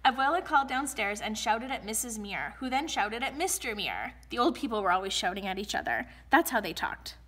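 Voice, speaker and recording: A woman teacher with a Canadian accent reading a picture book aloud to children, with expressive narration. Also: fairly high pitch, fairly quick, few pauses.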